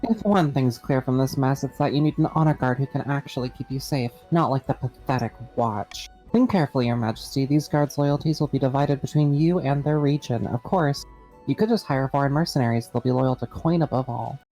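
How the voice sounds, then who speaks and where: A man reading the part of a grim, blunt royal marshal in a brisk, matter-of-fact voice over faint game music. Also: medium pitch, mellow, natural voice, rough recording. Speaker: friend reading a role on stream.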